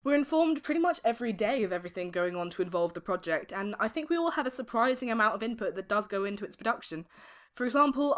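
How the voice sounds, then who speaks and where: Her interview answers as a voice actor are polished and formally worded, full of elaborate phrasing. She is a British woman in her late teens whose mid-range voice has a slightly bright quality.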